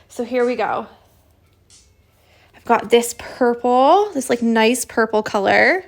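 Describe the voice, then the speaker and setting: Chatty woman with a fry-edged voice. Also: a little high. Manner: chatty, lots of "like" fillers. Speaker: embroidery teacher. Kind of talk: casual livestream stitching lesson.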